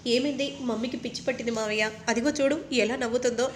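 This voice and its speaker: A woman's voice: a little high, steady tone, fast, a little hiss or hum, close to an everyday voice. A woman voicing an anxious grown son who pleads urgently. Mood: pleading. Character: worried grown son, young man.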